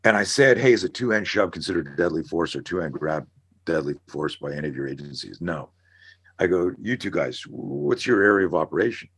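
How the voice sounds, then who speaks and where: A middle-aged man on a podcast, an animated storyteller who acts out scenarios as he talks. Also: deep voice, fairly quick, vocal fry, husky. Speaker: guest, self-defense instructor. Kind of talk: casual podcast conversation.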